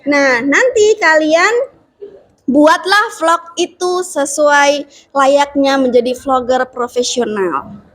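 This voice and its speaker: A woman's voice: sits high, takes it slowly. A woman teacher in a classroom, explaining steps to her students and teasing them with questions. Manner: lively, asks the class questions and teases. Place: school classroom.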